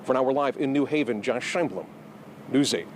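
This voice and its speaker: A male field reporter delivers a live news report outdoors in a measured, formal way. Faint traffic noise sits behind him. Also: mid-range voice, animated. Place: outdoors at a scene.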